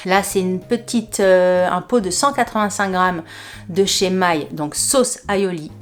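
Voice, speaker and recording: A woman's voice: fairly low pitch, steady tone, measured pace. Chatty, giggly woman unboxing food. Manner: chatty and rambling, laughing often, voice jumping up in surprise. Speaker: vlogger reviewing a food box. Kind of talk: casual unboxing chat to camera.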